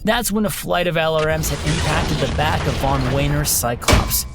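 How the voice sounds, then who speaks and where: Gravelly male storyteller over music. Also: fairly high pitch. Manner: measured, dramatic storytelling. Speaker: narrator. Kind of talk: scripted narration of a sci-fi story and lore.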